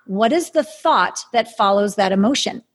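Breathy, airy woman guiding like a mystical healer. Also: mid-range voice, expressive. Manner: mystical healer manner, slow soothing incantatory prompts. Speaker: guide leading an emotional healing exercise. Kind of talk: guided meditation coaching, conversational.

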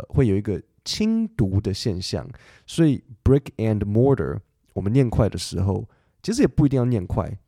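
A man hosts a casual podcast lesson in a low, mellow voice. He chats easily, pausing and restarting as he thinks aloud. The sound is dry and close, with no room echo. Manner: relaxed, chatty, thinks aloud with fillers and restarts; reads English news text slowly and carefully. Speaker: English teacher podcast host.

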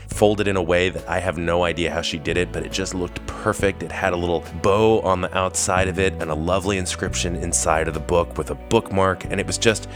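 A man hosting a podcast in an informal, effusive way, sick and hoarse with his voice giving out. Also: deep voice, fairly bright tone. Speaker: podcast host. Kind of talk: conversational podcast introduction and interview.

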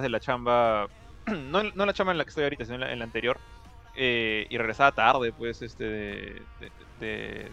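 A young man with a Peruvian accent telling stories in a casual chat with friends. He rambles and restarts often and uses relaxed slang. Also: mid-range voice, lo-fi sound. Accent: Peruvian Spanish.

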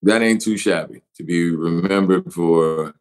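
A middle-aged actor with a New Orleans accent, telling stories expansively in an interview and acting out examples with pitch swings. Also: male voice, measured pace, darkish tone, clean tone, low-quality recording. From New Orleans, USA. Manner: expansive storyteller, shifts pitch to act out examples. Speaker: actor guest. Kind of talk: animated interview talk.

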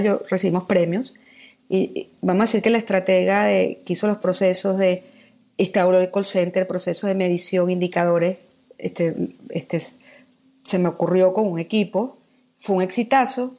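A middle-aged woman from Mexico speaks as a guest in a conversation. She tells her personal story candidly and vividly, with feeling. Her voice sits in an ordinary middle pitch. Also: steady tone, normal speed, a little mellow. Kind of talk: personal testimony in a podcast conversation.

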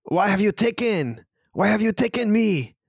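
A man voicing a frantic, trapped male spirit who pleads in a high, panicked voice. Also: big pitch swings, moderate pace, vocal fry, husky, no room sound, clean studio sound, exaggerated voice.

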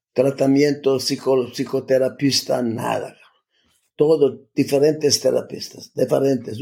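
Older man telling his story, halting. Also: mid-range voice, gravelly, mellow. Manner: halting, restarts often, salty slang. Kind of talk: personal storytelling, casual.

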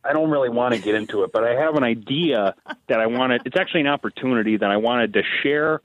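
A man calling in on a payphone line from prison, rambling and pushing a half-baked idea like a pitchman. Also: fast talker, dry recording. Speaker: caller. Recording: dull lo-fi phone line.

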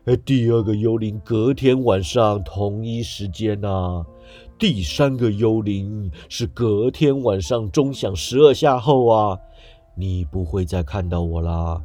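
Slow, solemn ghost dragging his chains, voiced by a man for a storybook reading. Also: on the low side, mellow, soft background music. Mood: lamenting. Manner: slow, drawn-out, heavy delivery.

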